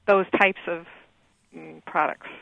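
Gravelly high-voiced male caller on a phone line. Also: steady tone, takes it slowly, no room sound. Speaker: radio show caller. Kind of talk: phone call to a radio show.

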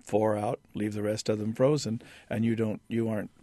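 A man chatting in a radio studio, talking haltingly with many restarts and fillers. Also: fairly low pitch, level tone, mellow, dry recording. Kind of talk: casual radio chat.

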